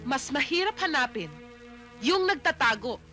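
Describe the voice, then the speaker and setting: A woman's voice: high-pitched, animated, a little slow, bright, forceful tone, soft background music, full character voice. An actress playing a proud wife who confronts her husband's female friend, polite at first and then commanding. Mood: scornful. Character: proud, sharp-tongued wife confronting a rival. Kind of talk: 1990s Filipino action-film acting.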